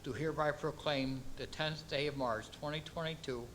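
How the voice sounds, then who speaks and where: A man serving as mayor, reading a formal proclamation and then speaking off the cuff with halting, repeated words. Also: fairly high pitch, steady tone, a bit bright, slight background noise, poor audio.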